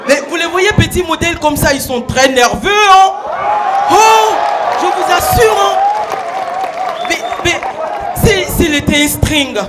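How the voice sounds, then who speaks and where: A man's voice: extremely high pitch, slow, pauses often, loud music behind the voice, low-quality recording. A man voicing a flirtatious, gushing woman with a put-on French accent, who teases the audience and fills every line with "hein" and "oh là là". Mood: teasing. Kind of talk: stand-up character comedy on stage. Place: concert stage before a large audience. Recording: live stage show with loud crowd and noise.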